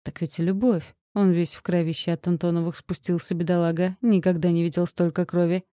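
Chatty folksy guard guy, audiobook, a woman doing him, mellow low voice. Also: little pitch movement, a little fast, no echo, clean studio sound, close to an everyday voice. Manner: talkative, folksy. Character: chatty flustered new male security guard.

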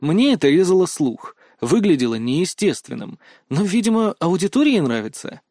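A man reads a first-person fantasy novel in a steady, faintly wry storytelling voice. His pitch sits somewhat high for a man, and the recording is dry, close and free of room echo. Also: moderate pace. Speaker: audiobook narrator.

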